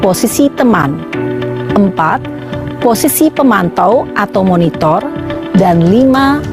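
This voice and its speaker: A woman reads a scripted lesson narration in a clear, even, instructive way, her voice at a middle pitch. Loud background music plays under her throughout. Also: takes it slowly. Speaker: teacher presenting a training module.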